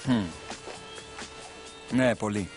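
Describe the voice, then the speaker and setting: A man dubbing a patient young man in a telenovela who soothes and calms the others. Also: fairly low pitch, over music, natural voice. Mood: tender. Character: patient young man, boyfriend and band member. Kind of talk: Greek TV dub of a telenovela.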